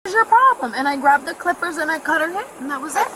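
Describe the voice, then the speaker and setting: A woman's voice: sits high, quick pace, crowd noise, low-quality recording. A woman being questioned by police, telling her side in a defensive, insistent way and answering her own questions. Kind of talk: police interview statement.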